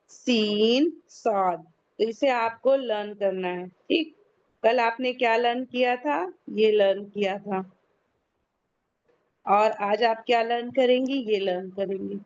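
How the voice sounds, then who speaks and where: A woman's voice: on the high side, a little mellow. Woman teacher drilling a lesson over a dull call. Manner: patient, repeats key points for students to memorize. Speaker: Quran recitation teacher. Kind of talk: online class lesson. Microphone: video call. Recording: dull lo-fi online call audio.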